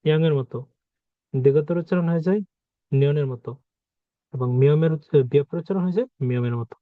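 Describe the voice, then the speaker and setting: A man's voice: on the high side, fast talker, no room sound. A man teaching pronunciation, patiently repeating each example word as he explains the rules. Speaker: language teacher. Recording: dry, phone-like narrow sound.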